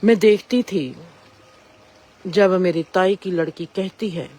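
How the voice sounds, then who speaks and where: A woman's voice: on the low side, slow, a little mellow. A woman gives a reflective spiritual discourse and asks rising rhetorical questions. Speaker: spiritual speaker.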